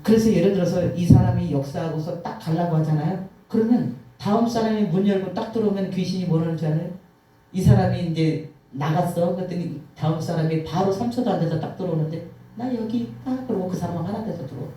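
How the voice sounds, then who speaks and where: A woman's voice: on the low side, quick pace. A woman preacher giving an emotional testimony sermon, telling stories vividly with sighs and acted-out quotes. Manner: animated storytelling, acting out quotes, sighing. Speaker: guest preacher. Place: church sanctuary. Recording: echoey hall from far off.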